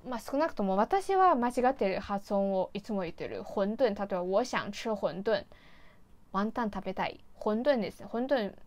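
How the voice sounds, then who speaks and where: A woman's voice: medium pitch, animated, a little fast, hardly any pauses. A young woman from China, a native Chinese speaker, chatting casually in Japanese as a vlogger with lots of fillers and self-deprecating asides. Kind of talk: casual chat about learning Japanese.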